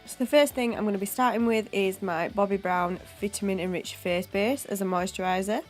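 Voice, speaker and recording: Speaking a little fast in a mid-range voice with fairly even intonation, a young woman with a cold, chesty sound narrates a makeup tutorial. She's a beauty vlogger, chatty and casual, explaining each step into a home voiceover mic while soft music plays.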